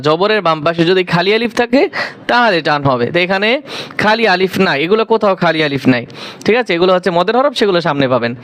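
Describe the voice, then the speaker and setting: A man with a Bangladeshi Bengali accent teaching Quran reading, slowly drilling and repeating syllables for beginners. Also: high voice, a bit bright. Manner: slow, repetitive drilling of syllables. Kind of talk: step-by-step recitation lesson.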